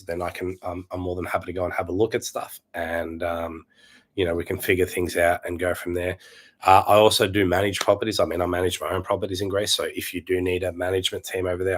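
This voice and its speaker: A man in his late thirties, going hoarse as he chats casually to camera, rambling and repeating himself. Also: sits low. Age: late 30s. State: losing his voice. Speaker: property vlogger.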